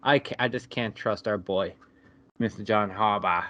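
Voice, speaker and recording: A man's voice: fairly low pitch, moderate pace, fairly bright tone, dry recording, muffled recording. A man co-hosting a casual sports betting podcast, laid-back and drawing out his fillers. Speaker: podcast co-host.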